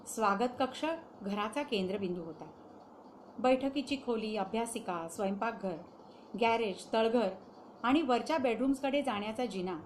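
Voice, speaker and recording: Woman narrator, somewhat high voice, calm measured audiobook reading of a memoir. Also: slight background noise.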